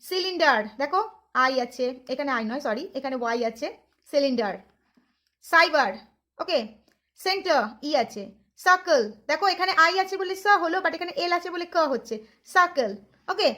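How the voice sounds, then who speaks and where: A woman's voice: very high-pitched, brisk, fairly bright tone. A woman hosting a children's phonics lesson, talking in a sing-song teacher tone that keeps checking whether her young learners follow, with English words mixed into her speech. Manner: mixes Bengali with English words. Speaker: channel host and teacher.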